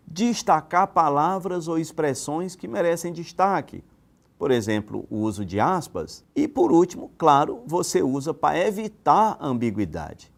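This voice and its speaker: A man from Brazil giving a recorded grammar lesson, explaining with rhetorical questions and lively swings in pitch. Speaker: teacher.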